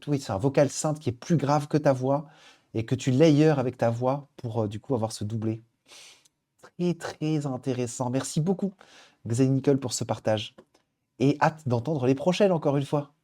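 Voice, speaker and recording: Guy streaming live, mellow warm voice, lots of ums and restarts, friendly notes on someone's track. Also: mid-range voice. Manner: hesitant, many filler sounds and restarts; friendly, encouraging critique. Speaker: streamer reviewing listeners' music tracks. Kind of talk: casual live-stream feedback.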